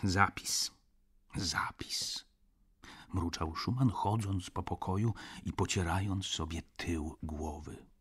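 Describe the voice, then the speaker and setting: A male audiobook narrator with a lower-pitched voice, reading in a quiet, subdued manner. He is recorded close on a studio microphone. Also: measured pace, slightly rough. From Poland. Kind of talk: scripted narration.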